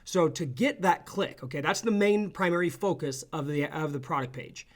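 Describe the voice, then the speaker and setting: A man teaching ecommerce via screen share keeps things lively and talkative, pausing after every point to ask "okay?" and "right?". His pitch is fairly high, and he talks at normal speed.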